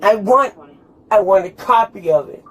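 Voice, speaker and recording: A woman's voice: mid-range voice, animated, moderate pace. A drunk woman being arrested, arguing with police in an insistent, repetitive, protesting way. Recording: noisy police body camera audio.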